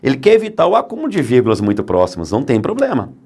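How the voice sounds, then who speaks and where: A man lecturing on grammar in a lively, swooping voice at a mid pitch. He speaks with emphasis and keeps posing rhetorical questions, then answering them himself. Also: very fast, husky. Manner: emphatic, asks and answers his own questions. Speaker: Portuguese grammar teacher. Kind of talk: grammar lecture for exam prep.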